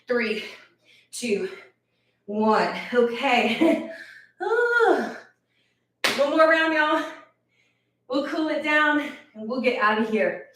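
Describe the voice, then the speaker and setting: A female fitness instructor leads a live workout, breathless as she counts reps aloud and encourages everyone. She speaks slowly in a slightly high voice, standing away from the microphone in an echoey room.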